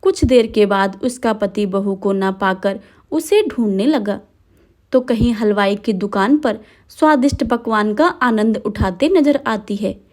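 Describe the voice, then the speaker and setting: A woman narrating a devotional folk tale in a steady, dramatic storytelling manner. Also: mid-range voice, a little slow.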